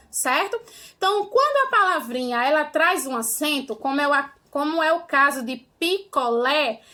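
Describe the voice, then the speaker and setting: A woman's voice: high voice, pushed and bright. A young Brazilian woman teaching a remote primary school lesson, patient and step by step, often checking in with "tá?". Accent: Brazilian Portuguese. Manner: patient, explains step by step, ends phrases with "tá?".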